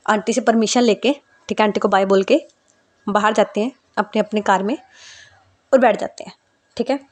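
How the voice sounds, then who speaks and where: A woman narrating a love story casually, often checking in with the listener. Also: fairly high pitch. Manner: chatty, keeps checking in with the listener.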